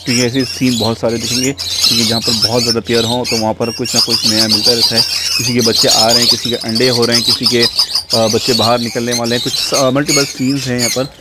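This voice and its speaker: A man's voice: medium pitch, little pitch movement, very noisy. A man giving an unscripted, filler-heavy walkthrough of his bird breeding setup outdoors, commenting casually as he goes. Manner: unscripted, says he talks fast, frequent fillers. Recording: loud bird chatter behind voice. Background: loud birds chirping and squawking.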